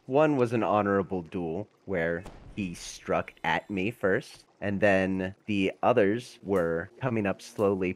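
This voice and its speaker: A man voicing a formal, long-winded male adventurer in a tabletop game. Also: low-pitched.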